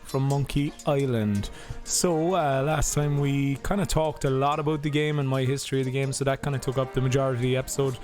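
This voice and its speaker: A man's voice: mid-range voice, steady tone, fairly quick, hardly any pauses, darkish tone, faint music behind. A young man casually commenting as he plays a video game, chatty and rambling, often correcting himself mid-sentence. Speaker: let's play host.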